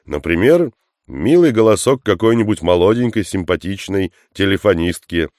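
A man's voice: low voice, lively intonation, normal speed, a little mellow, dry recording, clean studio sound. A man voicing a wry, tough male squad leader in an audiobook, sarcastic and joking under fire. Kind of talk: audiobook character voice.

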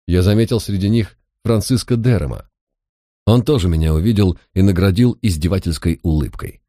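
Deep, dark-voiced male audiobook narrator. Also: no echo, studio quality.

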